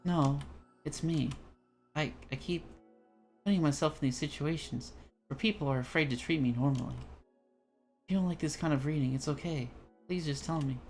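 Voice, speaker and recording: A man's voice: fairly high pitch, moderate pace, pauses often, soft background music, lightly acted. A man voicing a shy, anxious young woman. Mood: distressed. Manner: quiet, hesitant, apologetic. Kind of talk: dramatic reading of a visual novel.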